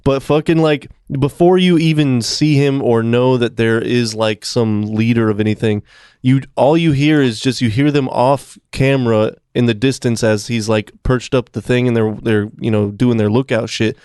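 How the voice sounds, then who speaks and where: A man chatting casually on a movie podcast, animated and joking, with some swearing. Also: medium pitch, moderate pace, smooth, no room sound, clean studio sound. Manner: animated, swears, jokes around. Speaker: podcast host.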